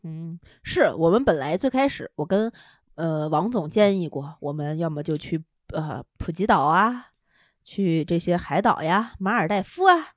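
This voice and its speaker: A woman podcast co-host telling a travel story in casual chat, animated and often laughing as she acts out quotes. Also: fairly low pitch, moderate pace, dry recording, studio quality.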